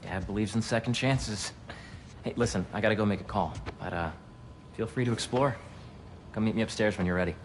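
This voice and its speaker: An actor playing a confident young man in a video game, casual and relaxed in his talk. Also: fairly low pitch, brisk, a little hiss or hum, lightly acted. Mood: easygoing. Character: easygoing, confident young male friend of the hero. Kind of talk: video game dramatic acting.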